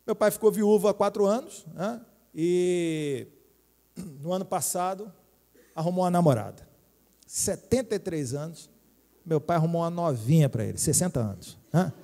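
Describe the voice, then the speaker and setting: High-voiced Brazilian pastor preaching in a hall. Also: male voice, moderate pace. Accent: Brazilian Portuguese. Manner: lively, jokey preaching with direct appeals to the congregation. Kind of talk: sermon. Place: church hall.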